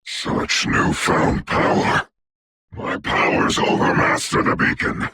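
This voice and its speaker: A man voicing a proud, grave sorcerer doctor in a video game, speaking formally and theatrically in a rough, whispery voice. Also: takes it slowly, sharp tone, no room sound. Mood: commanding, proud. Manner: grandiose, formal, archaic, solemn delivery. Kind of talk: theatrical game character voice lines.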